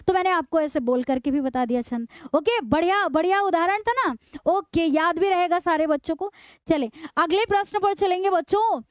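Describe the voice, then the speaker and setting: A woman runs a live online exam-prep lesson, asking her students questions and answering them herself. Her voice sits very high. The sound is dry and close, with no room around it. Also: no room sound. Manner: repeats key points, coaxing questions to students. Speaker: online Hindi teacher.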